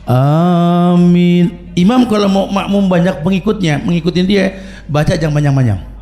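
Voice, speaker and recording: Animated male preacher, lively sermon. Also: high-pitched, a little fast, soft background music. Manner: animated storytelling, chanting Arabic recitations. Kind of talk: humorous sermon.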